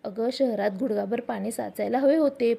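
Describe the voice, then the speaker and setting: A woman's voice: a little high, normal speed, gravelly, dark tone, husky, exaggerated voice. A woman voicing a teasing young lover.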